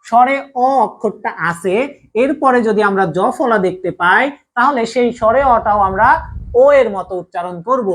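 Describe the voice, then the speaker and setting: A young man with a Bangladeshi Bengali accent teaching an online grammar class, repeating each point and checking over and over whether everyone has understood. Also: very high-pitched. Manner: repetitive, drilling, keeps asking if all is clear.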